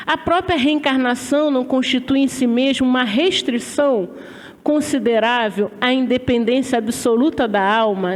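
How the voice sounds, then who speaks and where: Woman lecturer, high voice, animated storytelling, long hall reverb. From Brazil. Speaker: spiritist lecturer. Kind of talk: religious lecture. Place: spiritist center lecture hall.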